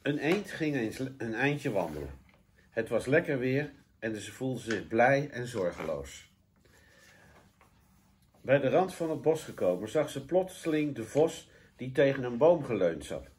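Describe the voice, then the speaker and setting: A man who works as a care worker reads a children's picture book aloud. His tone is calm, friendly and unhurried, with a mid-range everyday voice. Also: mid-range voice, a little hiss or hum. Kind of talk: reading a children's story aloud.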